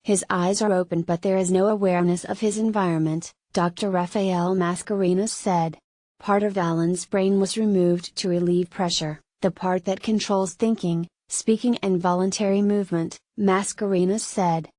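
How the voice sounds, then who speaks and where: A woman's voice: fairly low pitch, steady tone, normal speed, warm tone, dry recording. A woman reading a scripted news article as a narrator, quotes included in the same reporting voice.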